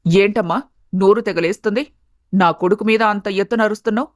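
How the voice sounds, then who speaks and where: A woman voicing a harsh, scornful middle-aged mother-in-law who taunts and scolds with sharp sarcasm, as a storybook character voice. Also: medium pitch, fairly quick, no room sound, studio quality, lightly acted. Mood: scolding.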